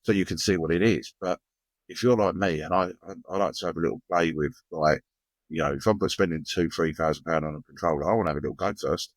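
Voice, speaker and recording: A man with a low voice and an Essex accent talks fast in a dry recording. He co-hosts a casual chat podcast, chatty and full of conversational tag questions.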